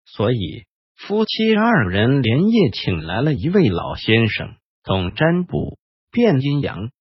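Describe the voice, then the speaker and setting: A man hosting and narrating a ghost story in a slow, hushed storytelling manner. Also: medium pitch, wildly swooping pitch, husky, no echo, dull audio. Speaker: host and storyteller.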